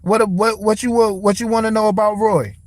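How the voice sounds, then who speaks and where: A man's voice: high voice, steady tone, normal speed, no room sound. A young man hosting a casual boxing talk livestream, speaking, blunt and profane as he answers his chat. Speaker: livestream host.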